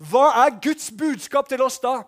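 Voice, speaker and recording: Man, preacher, high voice, fervent, shouting and hushed by turns, sermon. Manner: fervent, often shouting, with swings between loud and hushed.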